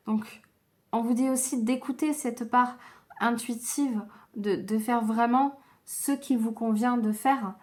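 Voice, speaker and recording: Speaking gently and slowly, a woman reads tarot cards for her viewers. Her energy is low and weary, and she pauses in hesitation frequently.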